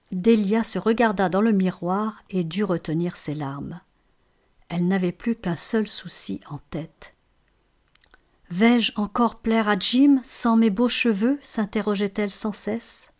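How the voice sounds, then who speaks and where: A woman narrates a storybook with measured, expressive delivery. Her pitch sits in a mid range for a woman. She reads steadily as a storyteller. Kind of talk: storybook reading.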